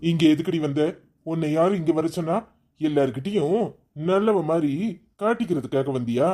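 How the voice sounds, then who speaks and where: A man's voice: on the high side, moderate pace, mellow, faint music behind, lightly acted. A man voicing an angry, stubborn young husband who teaches at a college, scolding and dismissing his wife in a cartoon story.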